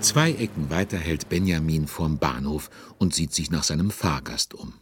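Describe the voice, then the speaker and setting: A man's voice: rumbling low, normal speed, noisy background. A man narrating a scripted children's story in a genial, amused and wry manner. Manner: wry, lively.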